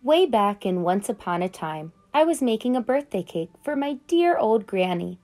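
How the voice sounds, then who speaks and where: A woman voicing a sly, smooth-talking male wolf who tells his side of the story in a chatty, conspiratorial way, read aloud from a children's picture book. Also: mid-range voice, sing-song, moderate pace, a little mellow.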